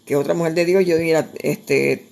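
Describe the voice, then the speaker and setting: A woman's voice: low voice, fairly even intonation, moderate pace, gravelly, a little mellow. A woman, preaching earnestly in a conversational way, with frequent restarts. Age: 60s. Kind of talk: sermon-style exhortation.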